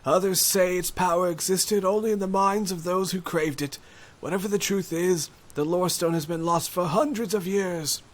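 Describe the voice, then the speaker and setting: Frail old male magician played by a male reader, shaky high voice, meek and apologetic storybook character. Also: normal speed, close to an everyday voice. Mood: cautious. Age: older. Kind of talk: storybook character read aloud.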